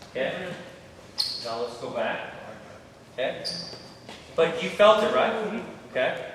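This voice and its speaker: A man's voice: fairly high pitch, noisy background. A man coaching a football drill, talking in a folksy, encouraging way as he explains and demonstrates to players and coaches. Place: large indoor training hall. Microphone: far from the mic. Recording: echoey hall recorded from far off. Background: crowd of players.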